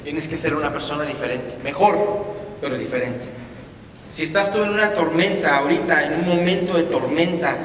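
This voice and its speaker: A man preaching a sermon with emphatic repetition, swinging between loud and soft, in a church hall. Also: normal speed. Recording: echoey hall from far off, faint rumble.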